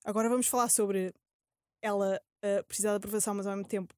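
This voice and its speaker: A woman's voice: medium pitch, fairly even intonation, quick pace, no echo, studio quality. A young woman with a European Portuguese accent hosting a casual interview, informal and slangy with English words mixed in. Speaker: podcast host.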